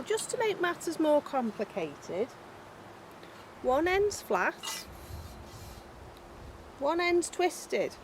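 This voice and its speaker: Scouse woman vlogging outdoors with background noise. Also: sits high. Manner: chatty, blunt and self-deprecating. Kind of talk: casual how-to narration. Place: outdoors in a rural garden. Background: cows and a passing plane.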